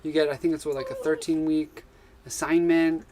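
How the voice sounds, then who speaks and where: A man's voice: on the high side, flat delivery. Upbeat, chatty man co-hosting a live stream. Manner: upbeat, chatty, quick to chime in with short agreements. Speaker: co-host of a live van life chat. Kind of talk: casual live-stream chat.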